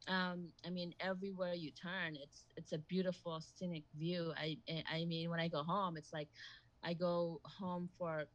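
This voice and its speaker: A woman's voice: on the low side, little pitch movement, normal speed, dull audio. A middle-aged woman from the Philippines who grew up in Hawaii, a restaurant owner talking casually as an interview guest, reflective and full of "you know" and restarts.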